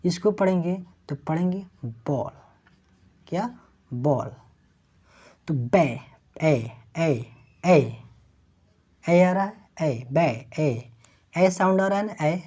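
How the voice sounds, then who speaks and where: Slow, low-voiced woman teaching step by step. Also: animated, dark tone, slightly rough. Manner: keeps asking questions back to students and repeating answers. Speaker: English teacher. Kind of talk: classroom lesson explaining letter sounds.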